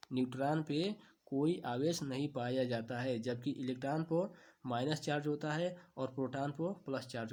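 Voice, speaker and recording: A man teaching exam questions, asking each answer back as a question and then repeating it, stretching key terms slowly. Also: mid-range voice, darkish tone. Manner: slow, drawn-out stresses on key terms. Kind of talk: quiz-answer lesson.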